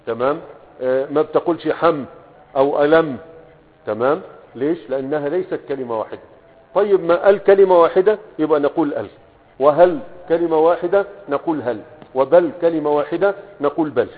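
A man's voice: fairly high pitch, quick pace. A man with an Egyptian accent teaching Arabic grammar in a classroom lecture, often checking that students follow and answering his own questions. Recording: tinny phone-like audio.

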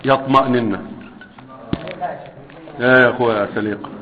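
A man teaching an Arabic grammar lesson to students, with an Egyptian accent, drilling verb forms slowly and checking in with "right?" and "huh?". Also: medium pitch, steady tone, big-room sound, muffled recording, crowd noise.

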